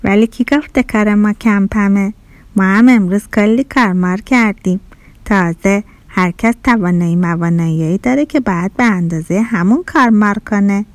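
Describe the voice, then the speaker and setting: A woman's voice: mid-range voice, a little mellow, no echo, close to an everyday voice. A woman voicing a cheerful, hardworking kitchen stove in a children's story, chatty and playful with words. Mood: reasoning. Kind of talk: storybook character voice.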